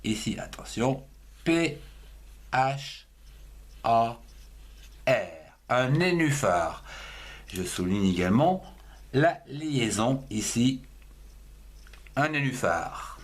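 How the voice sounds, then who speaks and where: A man leads a writing lesson at a very slow, deliberate pace, spelling each word out letter by letter. His pitch moves a lot, rising and falling as he stresses each syllable. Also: lively intonation. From France. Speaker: writing teacher.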